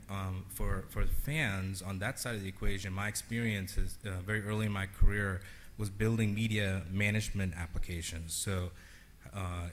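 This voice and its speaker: A man from Sri Lanka with a fairly low voice gives an earnest conference talk, stumbling through fillers and restarts. Faint noise sits behind him. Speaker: conference keynote speaker.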